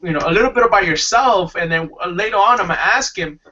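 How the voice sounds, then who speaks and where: A man's voice: sits high, fast, pushed and bright, distant mic, highs cut off. A man hosting a webinar, talking enthusiastically in a rambling way with restarts. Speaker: webinar host. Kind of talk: casual pitch talk.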